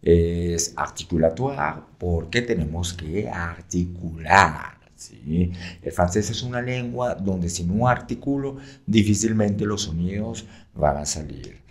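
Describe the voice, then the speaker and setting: A man's voice: deep voice, expressive, unhurried, gravelly, darkish tone. A man who teaches French, explaining patiently in an interview, with frequent fillers and checks like "right?".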